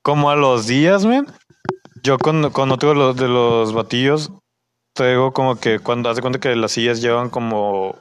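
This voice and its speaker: A young man with a Mexican accent, chatting on a podcast and telling a story from his job. He slips into raised, lively voices when he quotes coworkers. The sound is dry and close, with no room echo. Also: medium pitch, normal speed, smooth. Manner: animated, acts out coworkers' lines in raised voices; uses Mexican slang. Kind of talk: casual storytelling chat.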